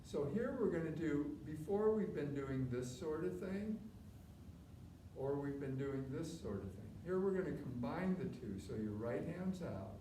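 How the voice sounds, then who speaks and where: A man's voice: a little high, lively intonation, moderate pace, mellow. Man teaching tai chi, distant and echoey. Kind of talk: live movement instruction, step-by-step cues. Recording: distant mic, roomy echo, clear background noise.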